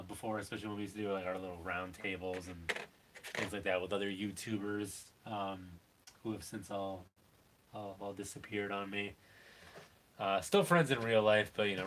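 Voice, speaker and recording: A man's voice: lowish voice, fairly bright tone. A middle-aged man with a nasal voice, chatting casually and self-deprecatingly on a live stream about toy collecting, rambling with many fillers. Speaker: toy collector and channel host.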